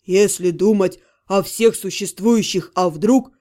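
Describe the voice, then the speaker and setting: A woman voicing a good-natured male half-gnome friend who scolds gently and coaxingly, in an audiobook. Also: mid-range voice, unhurried, pitched below the performer's own voice, natural voice. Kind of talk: audiobook character voice.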